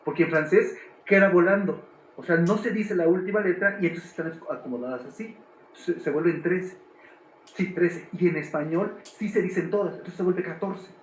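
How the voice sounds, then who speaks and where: A man's voice: high voice, normal speed, slight background noise. Man explaining, echoey room. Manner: thoughtful, restarts often while explaining. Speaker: theater director and adapter. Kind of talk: explaining in a talk.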